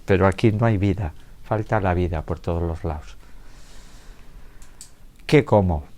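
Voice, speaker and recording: A doctor giving a public lecture, a man with a somewhat low voice, talks about health to an audience in a lecture room. His manner is relaxed, conversational, and unhurried. He asks rhetorical questions and checks in with his listeners as he goes.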